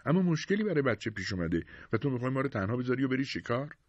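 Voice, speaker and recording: A man's voice: mid-range voice, sing-song, breathy edge, dry recording, lo-fi sound, pitched above the performer's own voice. A man voicing an anxious, upset young wife with a sick baby, pleading and insistent, in an audiobook reading.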